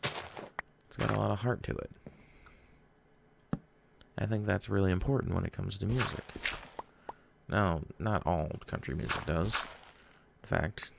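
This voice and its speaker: A man's voice: low-pitched, normal speed, gravelly, long pauses. A man chatting in a rambling, hesitant way while playing a game, often stumbling over his words. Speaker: gaming vlogger. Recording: noisy home recording.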